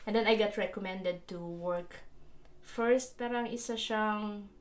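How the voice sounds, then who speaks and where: A woman's voice: medium pitch, a little slow. A middle-aged Filipino woman telling personal stories casually, switching between Tagalog and English mid-sentence. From Philippines.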